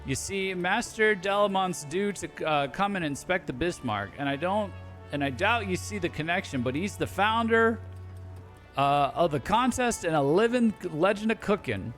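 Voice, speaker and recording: A gruff, harried cook growls through rough pirate dialect in this game scene, as a man puts him on. He drops his words and sounds a touch high. Faint music plays underneath. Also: lively intonation, moderate pace, a bit bright. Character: gruff male pirate-talking cook, busy.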